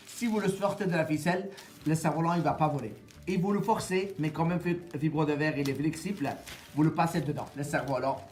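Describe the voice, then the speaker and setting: A man from Afghanistan, giving a casual how-to demonstration of a kite kit in plain, halting sentences with small grammar slips. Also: a little high, darkish tone.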